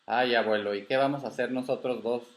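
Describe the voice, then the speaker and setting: A man reading a storybook and putting on a brave but worried young granddaughter, pleading earnestly. Her voice sits a little higher than a plain reading voice and moves slowly and carefully. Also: steady tone, lightly acted.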